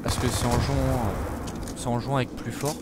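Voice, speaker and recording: A man's voice: medium pitch, little pitch movement, moderate pace, very noisy. A young man in his late teens from France, chatting hesitantly on his gaming channel with lots of fillers and restarts. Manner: hesitant, many fillers and self-corrections. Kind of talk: casual gaming vlog talk. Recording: loud gunfire from game audio. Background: zombie shooter game sounds.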